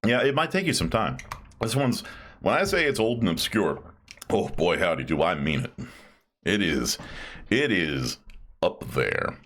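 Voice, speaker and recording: Male live streamer, deep register, very varied intonation, loose rambling casual talk. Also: very animated, measured pace, pauses often, fairly bright tone. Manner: rambling, self-described grumpy old man.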